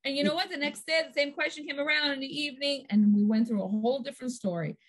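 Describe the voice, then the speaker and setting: A middle-aged woman talking as a guest in a casual conversation, telling lively stories and acting out quotes. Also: sits high, quick pace. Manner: lively storyteller, acts out quotes.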